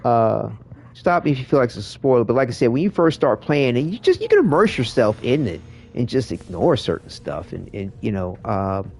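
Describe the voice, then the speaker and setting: A man's voice: mid-range voice, very animated, brisk, creaky, a little mellow. A man giving casual gaming commentary in a rambling, slangy way, often repeating his words. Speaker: streamer showing a game to a viewer.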